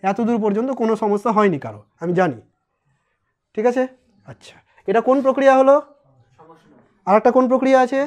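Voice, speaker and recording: A man teaching a physics lesson at a board, chatty and teasing, quizzing his students and answering for them. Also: sits high. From West Bengal, India. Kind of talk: informal whiteboard lesson.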